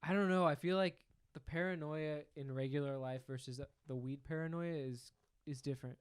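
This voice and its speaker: A young man chats on a podcast in an easygoing, teasing way, pausing on ums now and then. His voice is fairly high, smooth and resonant. The close mic gives a dry sound. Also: steady tone, dry recording. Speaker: podcast co-host. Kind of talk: casual chat.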